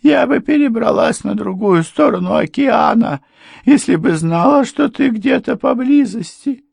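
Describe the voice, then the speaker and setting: A man's voice: lively intonation, unhurried, gravelly, a little mellow, slightly rough, dry recording, studio quality, exaggerated voice. A man voicing an older housekeeper woman, tearful and bitterly accusing. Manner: crying, shrill, accusing.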